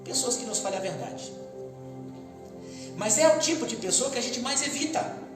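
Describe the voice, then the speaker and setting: A Brazilian man preaching a lively sermon as pastor, calling for responses from the congregation and acting out voices. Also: very high voice, moderate pace. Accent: Brazilian Portuguese. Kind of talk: Pentecostal sermon. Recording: echoey hall with music behind.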